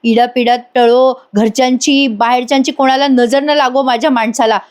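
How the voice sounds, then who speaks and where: A doting old uncle praises his nephew and blesses the family, his voice lifting high with emotion, as a woman reads his lines. He speaks in warm, drawn-out phrases that often slow as he is overcome. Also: fairly even intonation, lightly acted. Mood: blessing.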